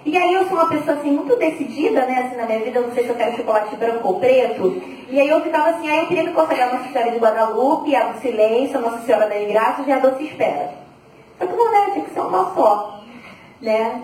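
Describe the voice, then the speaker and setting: Young woman giving testimony, very echoey. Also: sits high. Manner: lively, chatty, acts out her own past reactions. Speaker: community member giving testimony. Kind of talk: personal faith testimony talk. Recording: very echoey, from far off, faint noise.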